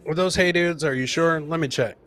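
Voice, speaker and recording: Against a noisy background, a podcast host with a fairly high voice speaks briskly while hosting a live comedy show. He reacts casually to clips, repeating his lines like a showman.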